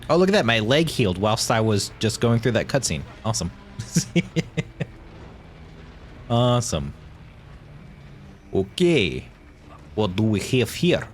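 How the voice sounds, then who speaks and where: A man's voice: fairly low pitch, sing-song, slow, pauses often, a little hiss or hum. A man streaming a video game, reacting in casual commentary, joking and laughing often. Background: faint game music.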